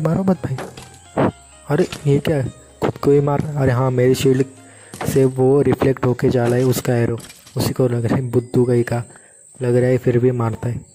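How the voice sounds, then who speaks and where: Young male game commentator, casual and chatty, flat delivery, soft music under him. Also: medium pitch. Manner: chatty, reacts loudly to in-game mobs. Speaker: gaming YouTuber.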